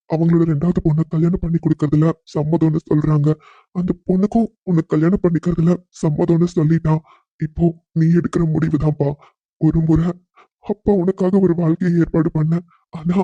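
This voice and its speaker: A thoughtful middle-aged father in a cartoon, gentle and measured. The tone is very dark and husky, with a dry, slightly dull recording. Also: a little high, dry recording. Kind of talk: cartoon voice acting.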